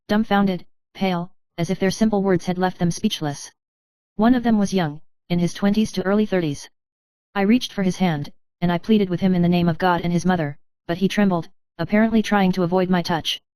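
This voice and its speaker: A woman narrating a first-person story in a steady, measured reading style. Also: lowish voice, no echo.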